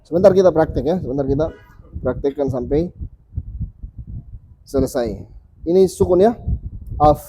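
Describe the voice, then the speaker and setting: Seorang guru mengaji pria yang mengajar kelas dengan sabar, mengulang bunyi huruf perlahan untuk murid-muridnya. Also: male voice, a little high, dark tone, slight background noise, poor audio. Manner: patient, repeats sounds slowly for students. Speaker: Quran reading teacher. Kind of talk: teaching a class.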